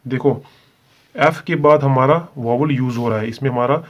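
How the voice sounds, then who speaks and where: A man's voice: medium pitch, moderate pace. A man teaching shorthand in a step-by-step lesson, speaking with a Hindi accent and patiently checking in with "theek hai" as he goes. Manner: explains patiently, repeats "ठीक है" often. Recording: slightly dull lo-fi sound.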